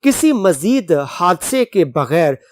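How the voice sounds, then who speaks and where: Teacher reading english text out loud then explaining it, spells words letter by letter, very unhurried. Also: medium pitch, sing-song, no echo. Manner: reads the English slowly, then explains at length.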